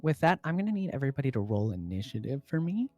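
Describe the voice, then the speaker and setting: A man's voice: medium pitch, quick pace, dry recording, lo-fi sound, faint music behind. Easygoing male game master. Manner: relaxed, filler-heavy narration. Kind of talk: running a tabletop game over voice chat.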